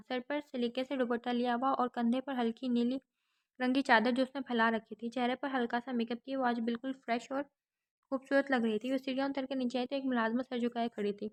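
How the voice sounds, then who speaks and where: Brief: woman narrator, somewhat high voice, dramatic audiobook reading. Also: steady tone. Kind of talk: scripted novel narration.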